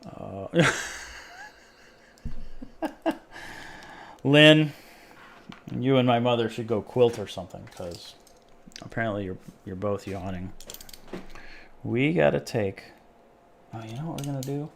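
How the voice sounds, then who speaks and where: A man's voice: mid-range voice, lively intonation, a little slow, gravelly, long pauses, a little hiss or hum. A man hosting a live stream, chatting casually and joking with viewers while he tinkers with a homemade project. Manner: rambling, jokey, talks to chat while tinkering.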